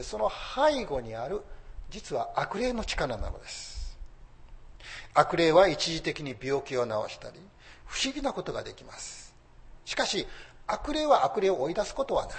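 Male pastor, sermon delivery, somewhat high voice with animated intonation. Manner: lively preaching, rising emphasis on key phrases.

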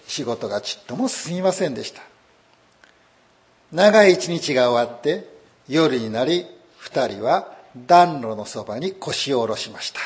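Male pastor, sermon, gentle storyteller, lively pitch, slightly high voice. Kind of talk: sermon with told folk tale.

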